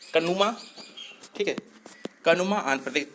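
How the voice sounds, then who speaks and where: A man's voice: on the high side, moderate pace, bright, forceful tone, slight background noise. A man teaching a lesson on memory tricks, explaining step by step, asking himself questions and answering them, and correcting his own slips. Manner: explanatory, repeats points, asks and answers himself. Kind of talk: exam-prep mnemonic lesson.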